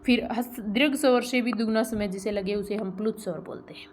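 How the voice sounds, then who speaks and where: A woman's voice: medium pitch, darkish tone, slight background noise. A woman teacher explaining grammar step by step, asking rhetorical questions and checking that the class has followed. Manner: pronounces sounds slowly and drawn out as examples. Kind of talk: grammar lesson.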